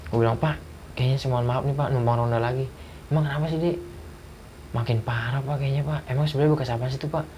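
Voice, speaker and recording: A man's voice: mid-range voice, fast talker, slight background noise. A man casually telling a personal ghost story, acting out the dialogue in a slangy way. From Jakarta. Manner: animated retelling with acted dialogue, slangy. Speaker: guest storyteller.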